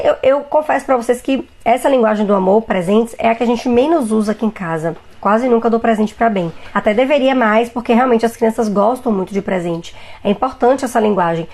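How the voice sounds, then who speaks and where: Brazilian woman pediatrician, thirties, somewhat high and gravelly voice, chats to parents on a live stream. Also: brisk, hardly any pauses. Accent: Brazilian Portuguese. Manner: warm explanatory advice, addresses viewers as "gente".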